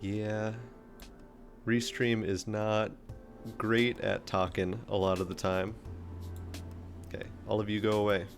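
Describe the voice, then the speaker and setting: A man with a fairly low voice talks in an unhurried, easygoing way as he streams live, thinking aloud and dropping ums as he works. Music plays clearly in the background. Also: level tone. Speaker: streamer and engineering teacher. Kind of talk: casual live stream chat while modeling in CAD.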